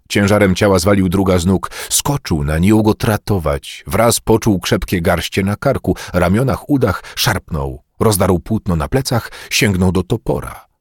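A man reading a historical novel aloud as narrator, dramatic and voicing the characters' shouts. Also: low voice, slightly rough, no room sound, clean studio sound. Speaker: audiobook narrator.

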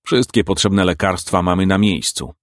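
A man reading a world-weary male private detective in an audiobook, dry and deadpan. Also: low-pitched, moderate pace, dry recording, natural voice.

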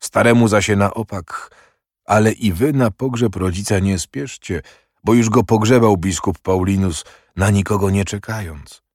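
A man reading the part of an old, calm and evasive voivode who speaks slowly and dismissively. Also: lowish voice, no echo, clean studio sound. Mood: coolly evasive. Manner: slow, cool and dismissive.

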